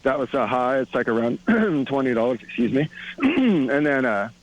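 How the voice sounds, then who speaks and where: A man calling in to a radio show over the phone from a hike, halting as he tries to remember details. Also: mid-range voice, sing-song. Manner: halting, gropes for details from memory. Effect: heard over the phone. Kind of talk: casual call-in question. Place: outdoors on a hike. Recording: dull lo-fi phone line.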